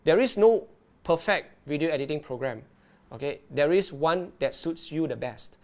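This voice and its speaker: A Malaysian underwater video presenter hosts a live-streamed tutorial and Q&A, his voice a bit higher than most men's. He explains at normal speed in a lively, chatty way, regularly checking in with his online viewers.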